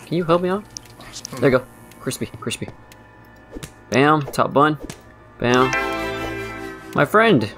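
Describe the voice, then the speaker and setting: A man's voice: mid-range voice, fairly bright tone. Frantic man narrating his gameplay. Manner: frantic, repeats words under pressure, talks to viewers. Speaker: gaming YouTuber. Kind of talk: let's play commentary.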